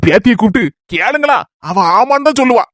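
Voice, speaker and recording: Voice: mid-range voice, lively intonation, fast, close to an everyday voice. A performer voicing a cheeky, joking young husband in a cartoon with a Kanyakumari Tamil accent. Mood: teasing. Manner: playful, teasing. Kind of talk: cartoon dialogue.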